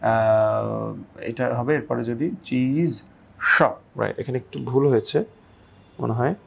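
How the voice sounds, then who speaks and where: A man from Bangladesh leads an English pronunciation lesson at an unhurried pace, lingering on each example word. His voice has a gravelly, husky edge, and he keeps checking in with a quick "right?". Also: medium pitch, steady tone. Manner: drawn-out model pronunciations, frequent "right?". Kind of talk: slow explanatory lesson.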